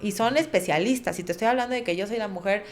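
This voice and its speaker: A woman's voice: mid-range voice, fast, slight background noise. A woman, a podcast guest, earnestly recounting a personal story and vividly acting out what people said.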